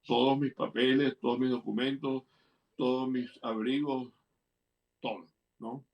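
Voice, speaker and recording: Here the same guest, the interviewer's father, speaks in a medium-pitched, steady voice at a measured pace, picked up from a distance. This older Venezuelan man shares personal stories playfully, voicing each character he quotes.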